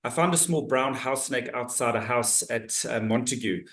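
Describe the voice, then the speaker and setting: Over a video call with roomy echo, a middle-aged South African man moderates his talk series' online Q&A. His medium-pitched, fairly bright voice moves at a moderate pace as he reads out audience questions loosely and warmly, with frequent restarts.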